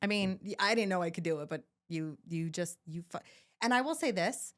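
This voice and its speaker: A young woman, a podcast guest and new mother, telling her story in casual chat, animated and swearing freely as she acts out what people said. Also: fairly low pitch, fairly quick.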